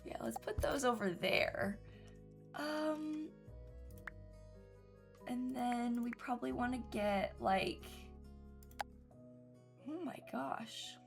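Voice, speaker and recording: Soft background music accompanies a young streamer who, stuffy from a cold, builds in a game at home and thinks aloud with ums and little giggles. Her fairly high, gravelly voice moves very slowly, with long pauses.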